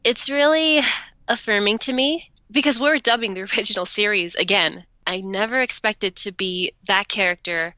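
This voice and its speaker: A young woman chats as a podcast guest, bubbly and quick to giggle. Her voice is bright and stuffy from allergies. The sound is dry, with no room around it. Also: medium pitch, no echo. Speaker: voice actress guest. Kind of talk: casual podcast interview.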